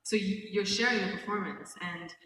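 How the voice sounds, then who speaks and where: A woman actor talking casually on a convention panel, chatty and aware of how loud she is. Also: medium pitch, normal speed, slight background noise. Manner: chatty, self-conscious about speaking loudly. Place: large convention panel room. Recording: echoey hall, voice from a distance.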